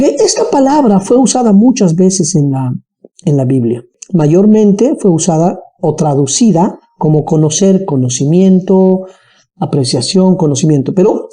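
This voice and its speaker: A Bible teacher with a Bolivian highland accent, giving an animated Bible study lesson and checking in with listeners often. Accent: Bolivian highland (colla).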